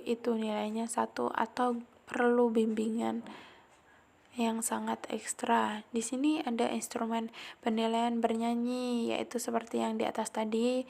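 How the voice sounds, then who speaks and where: A woman's voice: fairly high pitch, vocal fry, mellow. A woman from Indonesia explaining a lesson plan's grading rubrics, going item by item and often repeating phrases. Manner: walks through each item step by step, repeats phrases, restarts words. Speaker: student teacher explaining a lesson plan. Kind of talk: explaining assessment rubrics aloud. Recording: faint music in the background.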